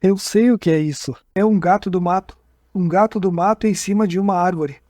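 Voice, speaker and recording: Guy reading as a hypnotized man stuck repeating himself, kinda high voice, dry. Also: darkish tone, dry recording, close to an everyday voice. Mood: dazed. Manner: halting, repeating words. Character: frightened man reliving an abduction under hypnosis.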